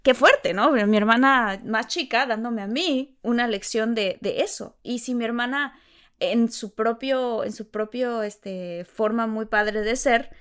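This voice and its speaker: Lively Mexican woman telling stories. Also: fairly high pitch. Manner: animated storyteller, lively and self-reflective. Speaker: actress sharing her experience. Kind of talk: casual conversation.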